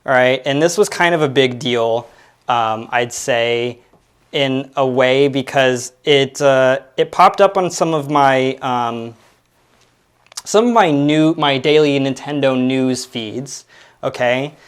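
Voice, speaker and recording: A young man in his late twenties chats through his own podcast. His voice sits in a middle pitch, and he wanders through thoughts with frequent fillers and self-deprecating asides. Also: slow, smooth. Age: 20s. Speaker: podcast host. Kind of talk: casual solo commentary.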